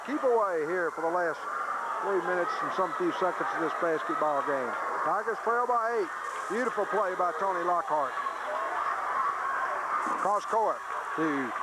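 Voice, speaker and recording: A man calls a high school basketball game as live radio play-by-play, using clipped running phrases that grow excited on big plays. The old tape audio is noisy, with loud gym noise in the background.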